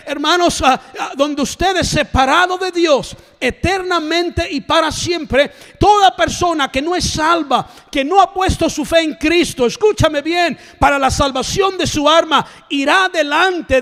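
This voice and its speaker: A male pastor preaches with a high-pitched voice. His delivery swings from ringing shouts down to hushed, low passages, and he drives points home by repeating them. A long reverb trails his words through a large church. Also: unhurried, few pauses. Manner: repeats phrases for emphasis. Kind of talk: sermon.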